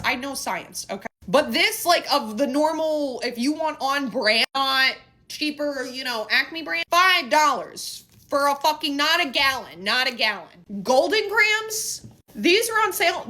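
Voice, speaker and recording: A woman with a high, bright voice vents to her camera, her pitch swooping all over. She sounds incredulous and swears for emphasis. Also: a little hiss or hum. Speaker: social media poster. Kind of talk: venting to camera.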